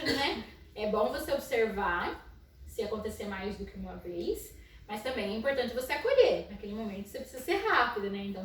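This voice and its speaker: Loud-voiced Brazilian woman in an echoey room. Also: fairly high pitch, a little hiss or hum. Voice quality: naturally loud speaking voice. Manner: storytelling with frequent "né?" tags and soft laughs. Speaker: psychologist in school inclusion. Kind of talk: casual educational talk. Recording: echoey room, mic at a distance.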